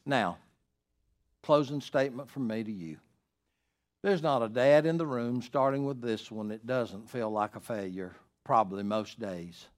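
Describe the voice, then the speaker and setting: An older man preaching a sermon as pastor, swinging between loud, emphatic lines and quiet, hushed ones. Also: mid-range voice, unhurried.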